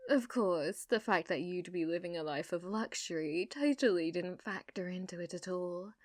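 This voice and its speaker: Sly and threatening, a woman with a lowish, expressive, natural voice plays a sadistic, haughty young noblewoman villainess at a moderate pace. In this ASMR roleplay she taunts theatrically and often whispers breathily, in clean studio sound with no echo.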